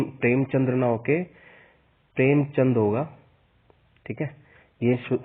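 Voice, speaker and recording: A man teaching a spelling lesson for an exam, slowly spelling out each vowel sign and repeating the corrections. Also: medium pitch, slightly rough. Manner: slow and repetitive, spelling out vowel signs. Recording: tinny phone-like sound.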